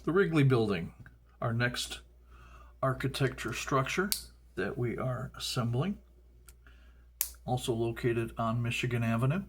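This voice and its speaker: A man's voice: mid-range voice, measured pace, pauses often, slight background noise. A middle-aged man from Chicago hosting a casual building video, rambling and stumbling over words with folksy asides. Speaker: host.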